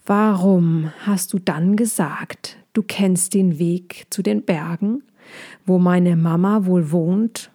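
A woman reading a children's story aloud, voicing a small, earnest young male dragon in a soft, breathless voice close to her own. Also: lowish voice, steady tone, slow.

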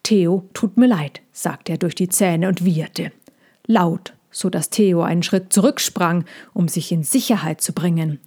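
Woman reading a storybook calmly. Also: on the low side, unhurried, breathy edge. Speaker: narrator.

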